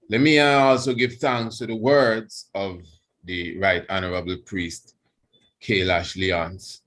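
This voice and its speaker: A low-pitched male priest delivers an unscripted religious address in Rastafarian idiom. He phrases things deliberately and haltingly, circling back to repeat words and offer reverent thanks. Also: fairly bright tone. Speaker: priest giving a guest address.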